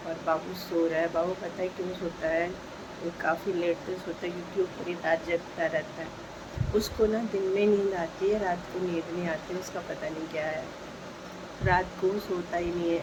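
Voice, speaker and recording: A young woman chatting casually at home in a vlog, talking slowly and softly as she wakes up. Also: fairly low pitch. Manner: sleepy, slow and soft-spoken. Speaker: vlogger. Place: dim home at morning. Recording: steady background noise. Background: rain.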